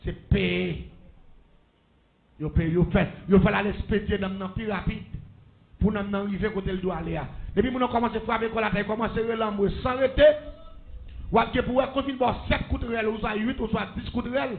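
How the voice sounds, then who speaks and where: Haitian male preacher, high gravelly voice, muffled lo-fi recording. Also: steady tone, moderate pace. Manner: storytelling preacher with call-and-response blessings. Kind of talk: sermon testimony.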